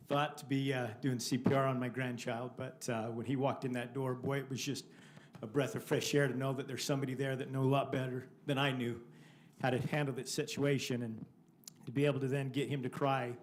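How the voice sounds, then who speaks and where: An older man speaks in a middle-pitched voice at a council meeting, choked up and halting as he thanks first responders. A faint hum of the room sits behind him. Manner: halting, choked up, many restarts. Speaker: grandfather of the child. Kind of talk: emotional thank-you speech.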